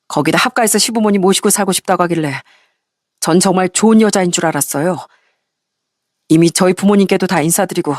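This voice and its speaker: A woman's voice: lowish voice, no echo, clean studio sound, close to an everyday voice. A woman voicing a polite young man who earnestly thanks someone over the phone.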